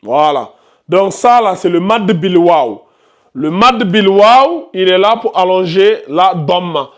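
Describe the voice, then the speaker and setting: Guy with a high voice teaching tajwid to his class, keeps asking questions. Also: animated, measured pace. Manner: quizzes students, repeats key terms. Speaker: Quran recitation teacher. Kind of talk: live classroom tajwid lesson.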